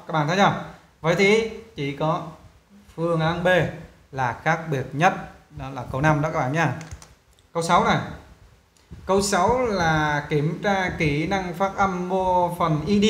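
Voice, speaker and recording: A male English teacher with a Vietnamese accent, walking students through pronunciation and repeating model words slowly while checking whether they follow. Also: fairly high pitch, roomy sound. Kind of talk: pronunciation lesson.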